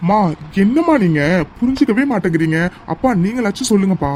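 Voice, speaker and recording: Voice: mid-range voice, expressive, fast talker, a little mellow, lightly acted. An actor voices a grown cartoon son who is firm in his decision. The voice sits in a middle range and does not give ground. A faint hiss sits under the recording. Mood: insistent. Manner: firm, pleading. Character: stubborn grown son, a doctor. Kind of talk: cartoon voice acting.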